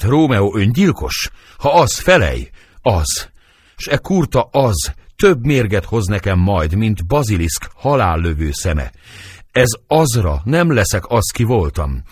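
A man's voice: on the low side, husky, dry recording, clean studio sound. A man reading the part of young Juliet, anguished and passionate, in dramatic verse.

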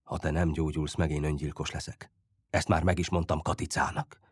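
A man's voice: on the low side, very animated, darkish tone, husky, no echo, studio quality. A man voicing Bütyök, an earnest lovesick teenage boy. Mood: earnest, hurt.

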